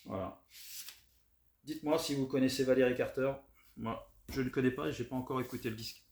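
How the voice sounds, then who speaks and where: A man chatting casually as he shows off his record finds, relaxed and hesitant with many fillers. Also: medium pitch, fairly quick. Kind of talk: casual unboxing chat. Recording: roomy echo, faint noise.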